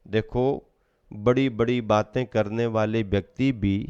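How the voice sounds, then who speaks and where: A man giving a sermon as a Jain monk, preaching slowly and measuredly, asking rhetorical questions and answering them himself. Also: medium pitch, a little mellow, clean tone, no room sound, muffled recording.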